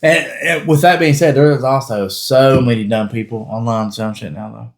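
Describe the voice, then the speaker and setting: A man's voice: mid-range voice, fairly even intonation, normal speed. Rambling, foul-mouthed man chatting about cars. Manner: loose, rambling, swears often. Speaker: podcast co-host. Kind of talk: casual chat.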